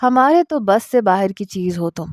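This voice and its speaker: A woman's voice: medium pitch, expressive, no room sound, studio quality, natural voice. A woman voicing an older mother who scolds her son with affection, in a storybook reading. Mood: chiding. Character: older mother, fond and chiding.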